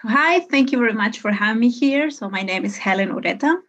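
A woman's voice: a little high, lively intonation, brisk, fairly bright tone. Woman, chatty podcast guest. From Peru. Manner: chatty, many fillers and laughs. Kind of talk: podcast interview. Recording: dull lo-fi sound.

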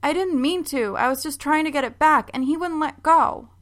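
A woman's voice: sits high, moderate pace, a bit bright, voice pushed up. A woman voicing an indignant young girl who is defending herself in a storybook reading.

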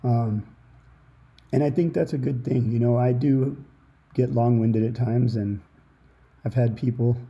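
Male solo podcast host, very soft-edged dark tone, informal and reflective, improvised towel-over-head office recording. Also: medium pitch, fairly even intonation, a little slow, pauses often, muffled recording. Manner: reflective, informal, thinking aloud. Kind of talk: free-flowing motivational solo podcast talk. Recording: improvised, under a towel at the computer.

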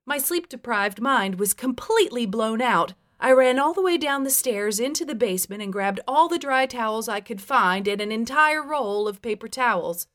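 A woman's voice: fairly high pitch, expressive, normal speed, hardly any pauses, a bit bright. A woman reading her own memoir aloud in a frank, wry and profane way. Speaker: memoir narrator. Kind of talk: first-person memoir narration.

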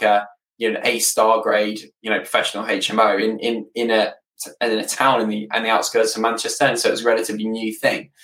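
With a low-leaning, slightly bright voice, a man in his thirties who owns a property business shares his story as a podcast guest, hesitating and repeating words as he goes. The recording is roomy and echoing, the mic set well away from him.

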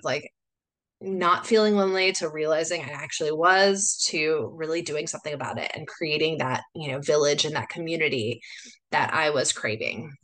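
A woman from the United States rambles chattily on her solo podcast, using lots of "like" and "you know" fillers. She has a low-pitched voice with a touch of brightness.

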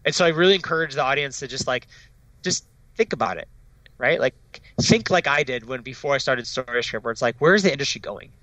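A man with an animated, pushed and bright medium-pitched voice chats enthusiastically and quickly in a casual interview as a startup founder. He speaks with a non-Dutch foreign accent, often ending lines with "right?" and throwing in "like". The recording is dry and low quality.

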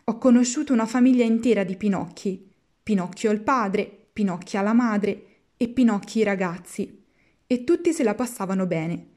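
A woman's voice: mid-range voice, animated, normal speed, a little mellow, natural voice. A woman voicing an old male woodcarver in a storybook reading, muttering to himself and reproachful. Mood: musing. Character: old male woodcarver, grumbling, soft-hearted.

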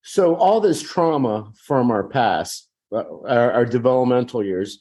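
A man's voice: mid-range voice, expressive, unhurried, a little mellow, breathy edge. A man hosting a podcast, who thinks aloud as he sums up what his guest has said, often restarting a phrase and asking for confirmation. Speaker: podcast host. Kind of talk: casual interview chat.

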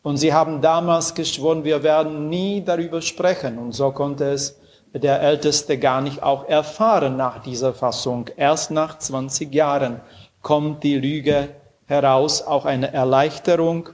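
A man reading a scripture passage and commenting on it in a measured, earnest way, with dramatic pauses. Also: on the high side, fairly even intonation.

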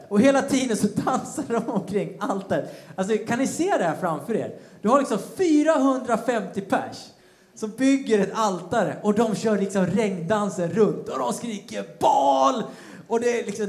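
Man, pastor, animated sermon, acts out quotes, casual asides, roomy hall. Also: sits high. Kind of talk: lively sermon retelling a Bible story. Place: church hall. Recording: roomy church hall sound.

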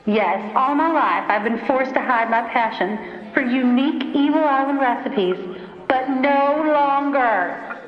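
A woman playing a gloating female villain in an audio comedy drama, monologuing in a slow, theatrical, menacing manner. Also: high voice, reverberant, big-room sound, highs cut off. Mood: grandiose gloating. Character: gloating theatrical female villain, scheming gourmet of rare creatures.

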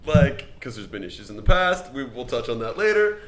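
A young man co-hosts a podcast, telling a rambling story in casual chat full of restarts and word slips. His mid-range voice is sing-song and fairly bright, and he speaks quickly. The room is echoey with faint noise.

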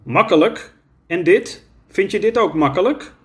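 A man voicing a calm, easygoing drifter in a children's story. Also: high-pitched, unhurried, voice pushed up.

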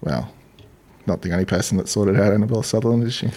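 A man's voice: lowish voice, fast, dark tone. A man with an Australian accent co-hosting a casual podcast, teasing with dry wit. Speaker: podcast co-host. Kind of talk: casual chat.

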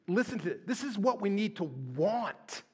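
A man's voice: high voice, normal speed, husky. A middle-aged man preaching as a pastor in a conversational sermon, often adding tag questions and stumbling on repeated words as he starts a line. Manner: tag questions, shifts from lively to hushed prayer.

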